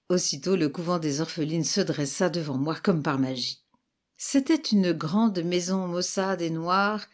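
A woman reading a classic tale aloud as narrator, with expressive storytelling. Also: lowish voice. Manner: expressive storytelling with lively exclamations. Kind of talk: literary audiobook reading.

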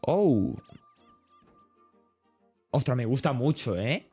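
A young man from Spain with a Spanish accent, reacting excitedly to a game trailer in casual live commentary, chatty and full of slang and exclamations. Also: mid-range voice, drawn-out words, slightly rough, faint music behind.

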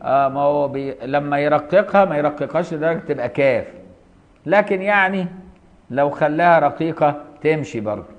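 A man's voice: a little high, lively intonation. Egyptian man teaching a text, lo-fi. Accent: Egyptian Arabic. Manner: reads classical text, then explains in colloquial dialect, voicing pronunciations slowly. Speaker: Islamic jurisprudence teacher. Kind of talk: lecture reading and explaining a text.

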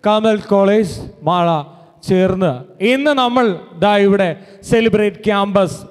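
High-voiced Kerala host mixing Malayalam and English. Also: male voice, unhurried, a little mellow, smooth. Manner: mixes English words into Malayalam. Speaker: event host. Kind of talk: energetic live stage hosting. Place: college auditorium stage. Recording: echoey noisy hall over PA.

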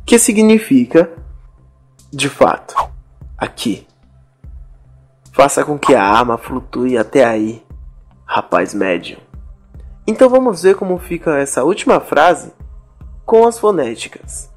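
A man hosts an English pronunciation lesson in a middle-pitched voice. He explains slowly and deliberately and repeats each word. Faint music plays underneath. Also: sing-song. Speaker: English teacher and channel host.

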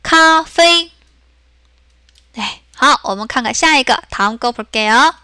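Female language teacher, bright tone, patient slow drilling delivery. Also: high-pitched, lively intonation, clear, resonant tone, no echo, studio quality. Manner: slow, drawn-out pronunciation drills. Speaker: Chinese teacher. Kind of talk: beginner language lesson.

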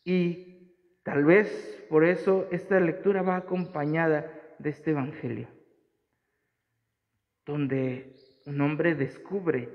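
Priest, male, fairly high voice, earnest homily, long church echo on a muffled recording. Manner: earnest, rising to emphatic repetitions. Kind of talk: homily at mass. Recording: dull sound with long church reverb.

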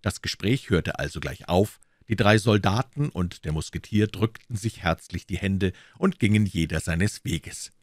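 A man reading a classic novel aloud as an audiobook narrator, with measured, expressive storytelling. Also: low-pitched, no room sound, studio quality. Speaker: audiobook reader.

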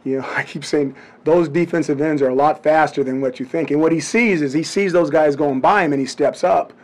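A middle-aged man, a head football coach, giving blunt, measured answers at a postgame press conference into table microphones. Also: on the high side, a little mellow. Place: press room before a branded backdrop.

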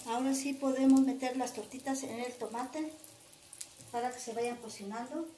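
A home cook with a Mexican Spanish accent, this woman has a high voice with a steady, dark tone and keeps a moderate pace. She casually explains recipe steps one after another in a homely manner loaded with diminutives. The echoing home recording carries a little hiss or hum.

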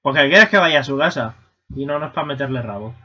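A young man commenting casually on a video game stream, swearing and breaking into excited shouts. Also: medium pitch, brisk. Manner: excitable, swearing, bursts into shouts and silly voices. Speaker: gaming streamer. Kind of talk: casual let's-play commentary. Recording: lo-fi stream mic audio.

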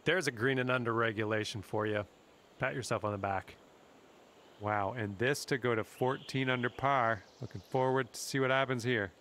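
A man commentating on golf shots, calm and encouraging, speaking straight to the player. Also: medium pitch, moderate pace, slight background noise. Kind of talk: sports commentary.

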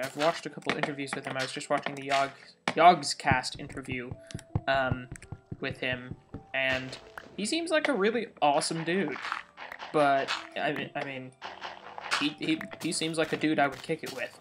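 Excitable rambling young man, game music behind. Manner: excitable, rambling, with sudden high squeals. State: jittery from coffee. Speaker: let's play host. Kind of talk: casual gameplay commentary. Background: video game music.

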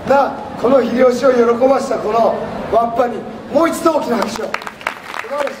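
Man playing high-voiced jovial samurai lord, Nagoya accent. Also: brisk. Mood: jovial, grand. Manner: theatrical, archaic lordly speech, projecting to audience. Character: jovial, folksy old-time samurai warlord, male. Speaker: costumed history performer and host. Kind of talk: live stage history lesson in samurai character. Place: large public indoor event stage. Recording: echoey noisy hall, crowd, far off.

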